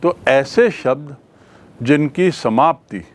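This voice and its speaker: A man's voice: a little high, animated, slow pace. A man with a Hindi accent teaching English grammar in a classroom lesson, patiently repeating key words back as questions to his students. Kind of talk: classroom lesson explaining rules.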